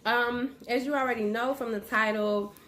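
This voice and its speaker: A woman hosting her own channel, chatting casually with viewers while chewing gum, with a relaxed, friendly manner. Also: on the high side, normal speed. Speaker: channel host. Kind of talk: casual vlog chat. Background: faint noise of her dog moving around.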